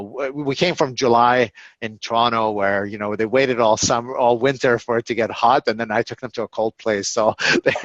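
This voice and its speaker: A man in his fifties, an executive answering interview questions in a halting, casual way, full of fillers and restarts. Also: lowish voice, a bit bright, no echo. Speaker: tech company executive guest. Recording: dull, lo-fi and dry.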